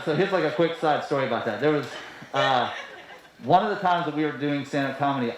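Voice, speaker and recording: A man's voice: mid-range voice, a bit bright. A man giving an informal, rambling best man speech at a wedding reception, telling anecdotes in a conversational way. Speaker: wedding toast speaker from the groom's family. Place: large reverberant room at a wedding reception. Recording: very echoey hall, faint noise.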